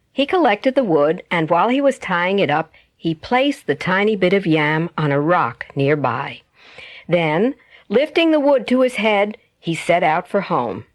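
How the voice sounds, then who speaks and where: Over background music, a woman tells a bedtime story for children, her delivery dramatic, expressive, and deliberately phrased. Her voice is on the low side, recorded cleanly in a studio with no room sound.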